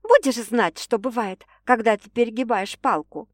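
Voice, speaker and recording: A woman's voice: moderate pace, no room sound, studio quality, close to an everyday voice. A woman voicing a feisty, stubborn young woman. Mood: indignant, teasing. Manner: indignant, shrill and insistent. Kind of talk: audiobook character voice.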